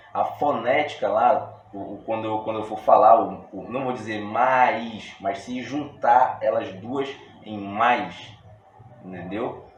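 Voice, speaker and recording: A man's voice: fairly low pitch, dull audio. Brazilian man teaching in an echoey room. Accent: Brazilian Portuguese. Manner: relaxed, slangy, explains step by step with many restarts. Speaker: poetry workshop teacher. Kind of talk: casual video lesson. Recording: roomy echo with faint room noise.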